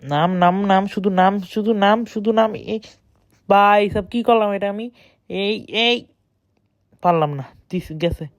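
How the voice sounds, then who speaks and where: A woman gives excited, boastful running commentary while playing a shooter game, speaking close to the mic. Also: medium pitch, a little slow, no echo. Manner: excited, boastful self-talk. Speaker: gamer streamer. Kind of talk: live gameplay commentary.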